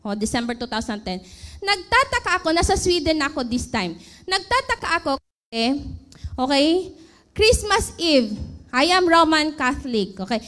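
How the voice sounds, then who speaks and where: Animated high-voiced Filipino woman storyteller. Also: normal speed. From Philippines. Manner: lively storytelling, asks audience questions. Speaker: former overseas worker. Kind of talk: emotional personal testimony.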